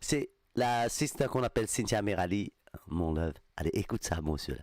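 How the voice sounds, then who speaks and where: A man from Mauritius hosting a live radio music show, giving lively shout-outs to listeners and drifting between languages. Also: on the low side, normal speed, slight background noise.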